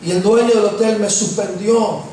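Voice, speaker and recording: A middle-aged man with an Argentine accent preaching a sermon, telling personal stories with humor and slowing down for emphasis. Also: high-pitched, fairly even intonation, dark tone. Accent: Argentine Spanish. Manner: humorous storytelling, slows for emphasis. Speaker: pastor. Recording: echoey room, distant mic, faint noise.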